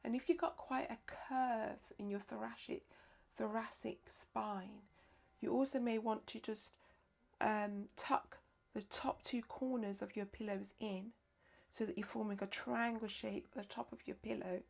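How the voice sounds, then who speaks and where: A woman leading a live-streamed yoga nidra session as teacher and therapist, speaking softly and slowly, often dropping into a whisper. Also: a little high, fairly even intonation, gravelly. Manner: soft, slow, often whispered delivery. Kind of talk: live-streamed guided relaxation instruction.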